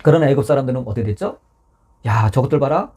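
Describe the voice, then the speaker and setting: A man's voice: mid-range voice, fast. A man preaching a Sunday sermon in a church. He acts out voices from scripture and drops to a whisper to stress a point. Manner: animated preaching, acting out scripture voices, dropping to whispers for emphasis. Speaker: pastor.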